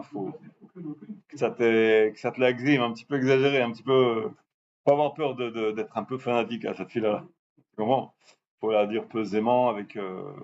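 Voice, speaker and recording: A man giving an informal religious lesson to a live group, drawing out Hebrew words slowly to show their pronunciation and often asking his listeners whether they follow. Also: lowish voice, creaky, a little mellow. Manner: asks listeners for confirmation often. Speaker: religious teacher addressing a class. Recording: muffled lo-fi recording with faint background noise.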